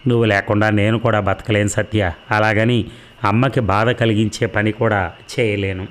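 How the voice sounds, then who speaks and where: A man's voice: lowish voice, steady tone, moderate pace, lightly acted. A man voicing a young man torn between his lover and his mother, firm yet regretful. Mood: troubled.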